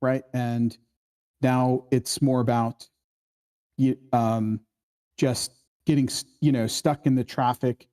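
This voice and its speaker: Speaking slowly with little pitch movement, a man with a medium-pitched, darkish voice hosts a casual screenplay workshop. He talks conversationally, acts out the quoted dialogue he describes, and often checks with listeners by asking "right?"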